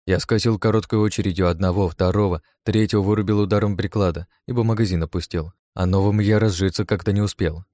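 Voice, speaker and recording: A man reading a first-person adventure audiobook in a steady, measured storytelling voice. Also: low-pitched, no echo, studio quality. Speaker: audiobook narrator. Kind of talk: first-person scripted narration.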